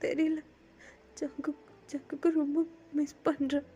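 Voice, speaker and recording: A woman's voice: high voice, fairly even intonation, warm tone, muffled recording, a little hiss or hum. A woman voicing a lovesick young man who cries and stammers as he speaks. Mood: tearful. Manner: halting, stammering, crying.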